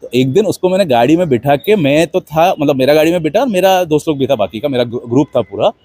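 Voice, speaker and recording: Host, male; mellow, dark tone, dry close sound, loose anecdotal storytelling. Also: a little high, animated, fast talker, no room sound. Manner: rambling anecdotal, mixing Hindi with English words. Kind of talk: casual storytelling monologue.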